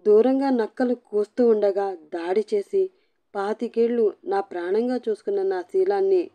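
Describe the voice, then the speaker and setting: A woman voicing a young bride who sobs and scolds in a shrill, cursing tirade. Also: unhurried, warm tone, close to an everyday voice. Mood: wailing, cursing.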